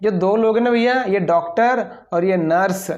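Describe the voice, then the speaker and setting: A man's voice: high-pitched, measured pace, darkish tone. A male English teacher giving a class lesson. He poses each question and answers it himself, with playful asides between the words. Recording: dull lo-fi recording.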